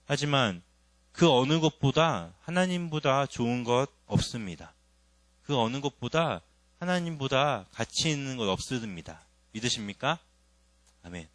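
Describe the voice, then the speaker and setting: A young male preacher giving a sermon, with a pitch that swings up and down as he tells his own story. He questions the congregation as he goes, and the sound is close and dry, with no room echo. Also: fairly bright tone.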